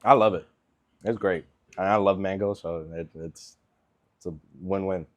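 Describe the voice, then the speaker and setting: Low-voiced laid-back young man. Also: steady tone, normal speed. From Venezuela, raised in Miami. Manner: laid-back, lots of ums and likes. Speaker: guest, NFL kicker. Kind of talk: casual interview answers.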